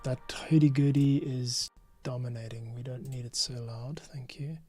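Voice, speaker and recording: A man with a mid-range, darkish voice talks at a moderate pace with fairly even intonation, and soft music plays in the background. He's a podcast editor casually narrating his audio editing behind the scenes, thinking aloud and muttering to himself.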